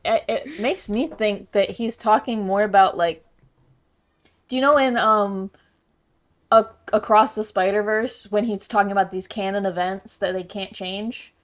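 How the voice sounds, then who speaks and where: A woman's voice: medium pitch, measured pace. Thoughtful woman in casual podcast chat. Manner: thoughtful and conversational, with some stumbles.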